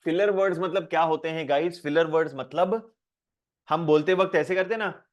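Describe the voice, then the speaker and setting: A man teaching a live online class, talking in a lively way, repeating his points and asking the class questions. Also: a little high, brisk.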